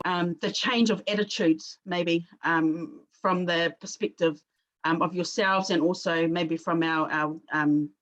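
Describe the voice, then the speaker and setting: A woman's voice: on the low side, a bit bright, rough recording. A woman moderating a symposium panel, posing her question hesitantly with many "um" fillers.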